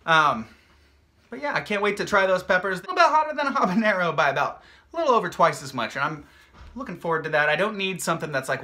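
A young man talks straight to his viewers in a loose, joking vlog style. He rambles cheerfully and fills his talk with "uh" and "like". His voice has a bright, forward edge. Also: on the high side. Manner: upbeat, jokey and rambling, with many fillers. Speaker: hot sauce maker and video host. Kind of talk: casual chatty vlog.

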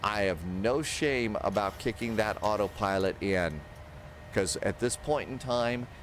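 Unhurried and fairly low-voiced, a man in his sixties gives casual instructions on a flight simulator, speaking each step aloud to himself. He's on a close desk mic at home, streaming indoors, while simulated aircraft engines and cockpit sounds hum steadily behind him.

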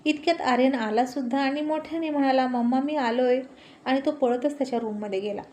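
Expressive woman narrating a story. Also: high-pitched, fast talker. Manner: vivid, expressive reading.

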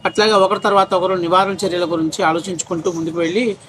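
A man rants about politics at a rapid clip, his voice pitched high. He is scornful and mocking, stacking one rhetorical question on another. Faint ambient hum sits under the recording. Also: steady tone, a bit bright. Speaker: political commentator. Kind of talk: heated political rant.

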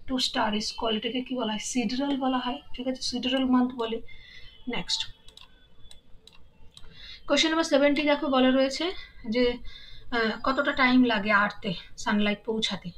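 A woman with a Bengali accent teaching an exam-prep lesson, reading questions out slowly and then explaining the answers briskly. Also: high-pitched, fairly bright tone, rough recording.

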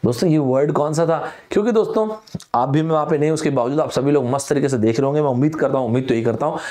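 A man's voice: on the high side, racing, dark tone. Playful Indian male online teacher. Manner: playful, acts out both teacher and student, quotes film dialogues. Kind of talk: lively Hindi vocabulary lesson.

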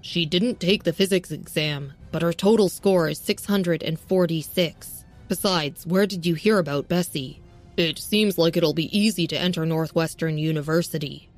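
A woman's voice: on the low side, moderate pace, soft background music, close to an everyday voice. A woman voicing a brash young man who teases bluntly, in an audiobook-style story reading. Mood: boastful.

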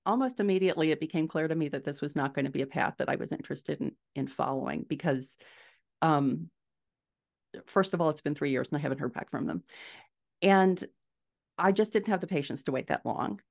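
A middle-aged indie fiction author, her voice low, gravelly, and somewhat dark, speaks fairly quickly as a podcast guest. She joins over video from a small furnished room indoors at home, answering conversationally and stressing the points that matter most.

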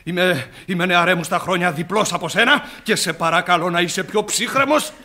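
A blustering old father. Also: sits high. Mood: outraged. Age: older. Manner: blustering, repeats "and so on", shouting. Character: blustering old father and landowner, quick-tempered. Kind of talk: 1960s Greek radio theatre acting.

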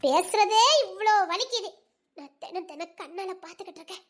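A woman's voice: very high-pitched, brisk. A woman playing a hurt young village wife who speaks sharply and bitterly to her husband. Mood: reproachful. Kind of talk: audio drama acting.

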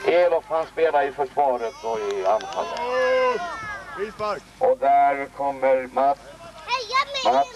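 A man giving live play-by-play commentary on a local football match outdoors, excitedly calling out player names. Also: mid-range voice, distant mic.

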